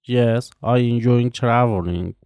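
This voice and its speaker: This language teacher from Iran, a Farsi speaker in his twenties, reads out scripted practice answers slowly and carefully, keeping an even pace and pausing between them. He sounds careful and mellow, with a medium-pitched, clear, resonant voice on a dry recording.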